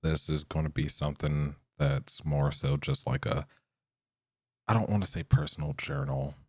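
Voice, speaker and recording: A young man hosting his own podcast, rambling unscripted in a monotone with lots of fillers. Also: a bass voice, moderate pace, slightly rough, dry recording, clean studio sound. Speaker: podcast host.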